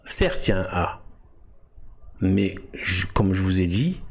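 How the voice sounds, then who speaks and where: Low husky man, halting talk. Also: very animated. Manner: halting, full of restarts and fillers. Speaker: video host. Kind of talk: casual explanatory monologue.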